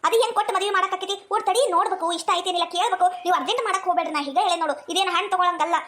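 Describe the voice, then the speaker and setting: A woman voicing a sharp-tongued village mother who guards her daughter, speaking with a North Karnataka accent. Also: very high voice, very fast. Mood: firm. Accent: North Karnataka Kannada. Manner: firm, argumentative.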